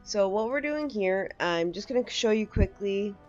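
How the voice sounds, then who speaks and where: A woman hosts a casual, conversational video game walkthrough, explaining things as she goes. Her mid-range voice is expressive and moves at a moderate pace, the recording is muffled, and game music plays behind her.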